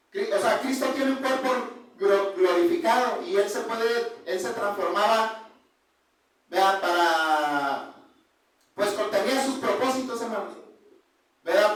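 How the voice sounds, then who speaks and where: A man preaching an informal Bible sermon, constantly calling his listeners brothers and halting to restart his sentences. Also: high voice, fairly bright tone. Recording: echoey room, distant mic.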